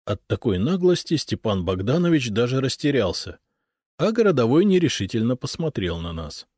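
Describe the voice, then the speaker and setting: A man narrating a first-person audiobook with expressive delivery. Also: medium pitch, normal speed, slightly rough, dry recording.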